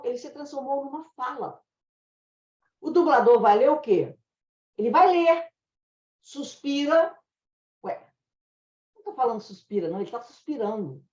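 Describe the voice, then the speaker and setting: A Brazilian woman gives an informal online lesson on dubbing translation, speaking with a Brazilian Portuguese accent. Her voice is high and a little mellow, and she's chatty and explanatory, laughing at her own anecdotes. The recording sounds roomy, dull, and lo-fi.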